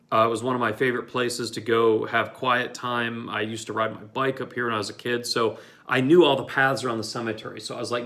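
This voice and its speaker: A man's voice: medium pitch, bright, forceful tone. A man from Michigan telling a personal story casually, rambling with lots of fillers and restarts. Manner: rambling, many fillers and restarts, with acted-out quotes.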